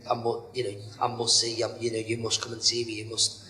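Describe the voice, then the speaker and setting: A young man who wrestles professionally rambles through a casual interview at a quick pace, his voice on the low side. He says "you know" constantly and calls himself monotone, and the recording has a roomy sound.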